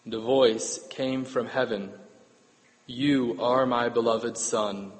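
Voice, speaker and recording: A man's voice: medium pitch, steady tone, takes it slowly. A man serving as priest, reading the gospel and giving a homily in a casual, self-correcting way that keeps checking in with the congregation, heard with a cathedral echo. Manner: conversational, self-correcting, asks the congregation "right?". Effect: cathedral echo, long church reverb. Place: large church. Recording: long echoey church reverb.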